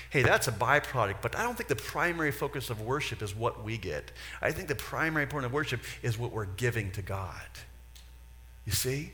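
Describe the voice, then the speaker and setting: A male pastor preaching a sermon with passion, swinging from loud urging to hushed, near-whispered pleading. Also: mid-range voice.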